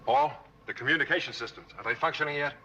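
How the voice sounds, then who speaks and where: An actor playing a tense, commanding moon base commander in a 1970s science fiction television drama. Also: male voice, on the high side, quick pace, muffled recording, slight background noise. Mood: terse, commanding. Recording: loud dramatic score behind dialogue.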